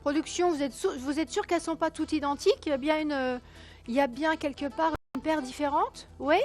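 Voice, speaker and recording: A woman hosts a live call-in television quiz in a high-pitched voice that is hoarse tonight. She chats away and coaxes viewers to phone in, counting down the seconds and correcting her own wording as she goes. Faint music plays underneath. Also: brisk. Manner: chatty, coaxing viewers, counting down, correcting herself aloud. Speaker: game show host.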